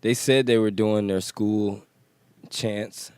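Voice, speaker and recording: Male podcast guest, lowish voice, dry sound, easygoing storytelling. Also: fairly even intonation, slow pace, a little mellow, clean tone, no room sound. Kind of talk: casual chat over drinks.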